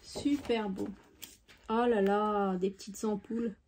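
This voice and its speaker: A woman's voice: medium pitch, steady tone, slow pace, darkish tone, slight background noise. A woman chatting enthusiastically as she shows off craft supplies, with frequent fillers. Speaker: craft YouTuber. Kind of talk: casual product show-and-tell.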